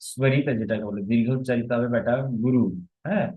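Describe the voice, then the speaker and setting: A man's voice: mid-range voice, fast talker, darkish tone, breathy edge. A man teaching a grammar lesson, explaining step by step and asking the class rhetorical questions. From Bangladesh. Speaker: Sanskrit teacher. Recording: slightly dull, lo-fi recording.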